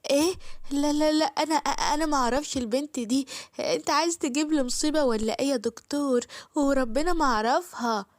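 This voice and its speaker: A kindly middle-aged neighbor with an Egyptian accent, as a woman narrator plays her, talks in an affectionate, protesting way. The voice sits a little high and dry and close. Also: a little fast, dry recording, close to an everyday voice. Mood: defensive. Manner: soothing, then defensive and protesting.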